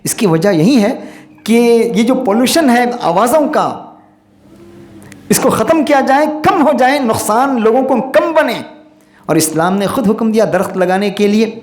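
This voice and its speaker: A man's voice: very high-pitched, expressive, darkish tone. A man, an imam, giving a Friday sermon with earnest exhortation and recited Arabic verses. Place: mosque. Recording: echoey mosque hall.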